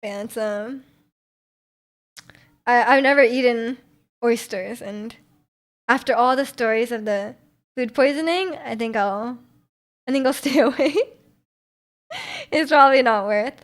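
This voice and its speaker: Pausing long and talking a little slowly, this young female streamer wanders through her viewers' comments in a fairly high voice. She laughs often and keeps filling gaps and restarting her sentences.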